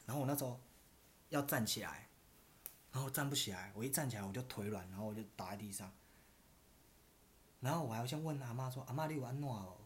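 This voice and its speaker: A man with a Taiwanese Mandarin accent tells a story on a casual podcast. His pitch sits in the middle, and he rambles loosely. He stumbles over restarts and keeps laughing at his own tale. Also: lively intonation, fast, long pauses, slight background noise. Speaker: podcast host.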